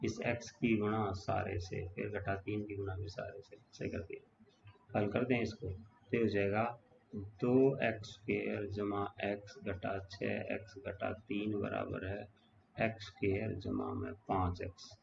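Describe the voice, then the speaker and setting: A man's voice: fairly low pitch, creaky, darkish tone. A male math teacher explaining equations step by step in a casual classroom style, often checking in with his students. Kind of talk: whiteboard math lesson. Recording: dull lo-fi sound with faint background noise.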